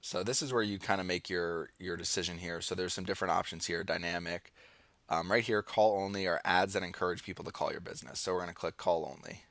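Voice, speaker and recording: A man with an American accent and a deep, slightly bright voice talks fast through a casual online marketing tutorial, sharing his screen. Partly improvising, he thinks aloud while demonstrating each step. There is no room sound.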